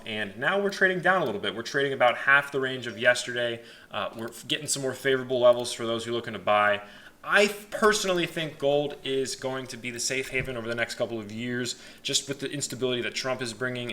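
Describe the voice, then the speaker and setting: A man's voice: medium pitch, sharp tone. A young man giving casual, chatty market commentary to his viewers in an informal way, hedging his opinions as he goes. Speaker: host of a stock market analysis channel. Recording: faint background noise.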